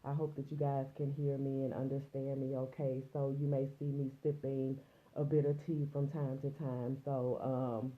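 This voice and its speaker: A woman's voice: rumbling low, level tone, normal speed, phone-quality sound. A woman hosting a live online broadcast, chatty and welcoming, sounding a little nasal and congested from a cold. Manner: chatty, greets viewers by name. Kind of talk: casual livestream chat.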